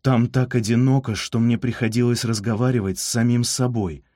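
A man's voice: mid-range voice, fairly even intonation, normal speed, dark tone, no echo, clean studio sound, close to an everyday voice. A man voicing a courtly old-fashioned ghost. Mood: pleading. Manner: gallant, flowery old-fashioned speech.

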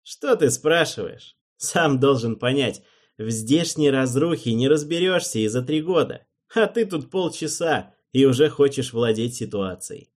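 A man reading an audiobook, voicing a cold, cunning advisor who speaks in a deliberate, icy manner. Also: medium pitch, lively intonation, a little mellow, pitched above the performer's own voice. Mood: scolding.

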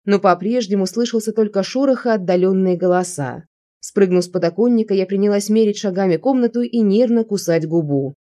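A woman narrating a first-person novel aloud in an expressive audiobook reading. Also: mid-range voice, fairly quick.

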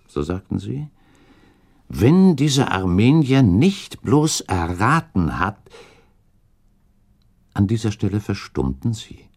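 A gentleman accuser with a deep, creaky, exaggerated voice speaks in a grave, musing mood, questioning formally, deliberately and insistently. Shrewd, composed and relentless, he cross-examines his target in a German radio play performed in formal period dialogue.

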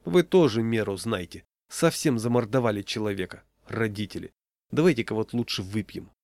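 Storybook: easygoing hearty drinker, a male reader doing him, raised pitch, dry close sound. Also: normal speed, a little mellow, no echo, close to an everyday voice.

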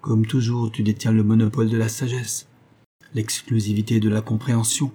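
A man's voice: on the low side, little pitch movement, moderate pace, dark tone, slightly rough. A man voicing Brugh, a vain, sarcastic man who taunts his lover. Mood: mocking.

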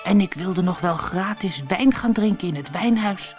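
A woman's voice: medium pitch, animated, normal speed, music in the background, natural voice. A woman voicing a foolish, cheeky young man in a children's story, crying out in a raised voice. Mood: eager.

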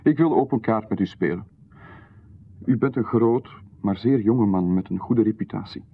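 Speaking at normal speed in a lowish voice, a man acts the part of a pushy stranger in a 1990s radio play, insistent and overly familiar, restarting with stammers and little laughs. The sound is a lo-fi radio broadcast with a phone-like band.

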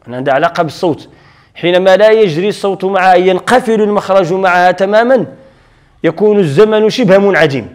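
Moroccan sheikh type guy lecturing on tajweed, voice a bit on the high side, keeps asking questions then answering them. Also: darkish tone. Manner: explanatory, repeats key terms and asks himself questions. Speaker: Quran recitation teacher.

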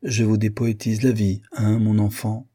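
A man reading an audiobook, voicing an older aristocratic marquise with an ironic, teasing manner and a husky voice. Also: lowish voice, little pitch movement, unhurried, mellow, voice pushed up. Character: older aristocratic French marquise, witty and worldly.

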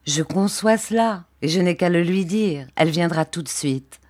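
A woman voicing a gentle young husband who speaks to his wife in a low, hushed and tender way. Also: normal speed, natural voice. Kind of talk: audiobook character voice.

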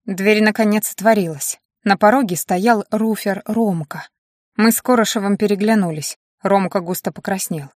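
A woman reading a first-person audiobook with steady, even storytelling. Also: mid-range voice, moderate pace, dry recording, studio quality. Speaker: audiobook narrator.

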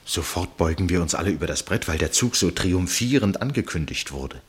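An actor playing a first-person narrator in a literary radio play, a husky-voiced man telling his account in a measured, suspenseful way. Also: low voice, lively intonation. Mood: tense. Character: male first-person narrator, absorbed witness of a chess match.

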